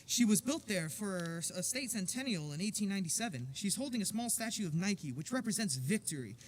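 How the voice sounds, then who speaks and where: A playful, theatrical professor dad with a mid-Atlantic accent, as a man acts him in a staged concert reading of a musical. His voice sits fairly high for a man. He declaims his lines grandly and teases fondly. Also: lively intonation, a little fast, a little hiss or hum.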